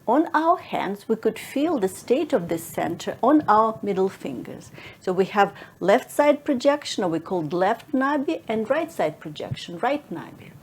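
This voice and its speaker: Gentle woman teaching meditation. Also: medium pitch, sing-song, measured pace, breathy edge. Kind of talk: explanatory meditation talk.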